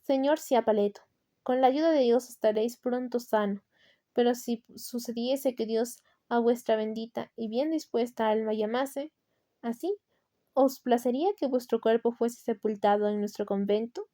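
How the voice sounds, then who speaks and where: A woman with a Latin American Spanish accent voicing a kindly male friar who gently reassures a penitent in a storybook reading. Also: a little high, moderate pace, no room sound, clean studio sound, lightly acted. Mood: reassuring.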